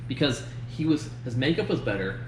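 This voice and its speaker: Man, mid-pitched voice, blunt sweary review chat, roomy sound, background noise. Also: big pitch swings, a little fast. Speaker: co-host of a movie review show. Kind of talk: casual chat, opinionated review. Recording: roomy, noisy home recording.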